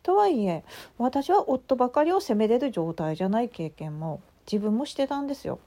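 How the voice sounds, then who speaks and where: A woman podcast host with a Tsugaru dialect, telling a story in a casual, animated way with many asides. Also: a little high, moderate pace. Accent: Tsugaru dialect of Japanese. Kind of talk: casual solo audio chat.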